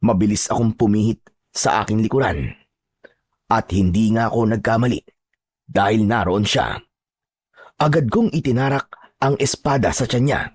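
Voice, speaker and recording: A man narrating a first-person horror story with steady, dramatic delivery. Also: lowish voice, normal speed, pauses often, husky, no echo, clean studio sound.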